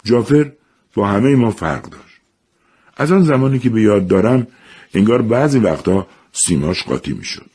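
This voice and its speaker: A man reads a story aloud with a low, deep voice and a slightly husky grain. His delivery is measured and reflective, unhurried from line to line. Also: animated, darkish tone. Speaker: narrator. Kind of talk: storybook narration.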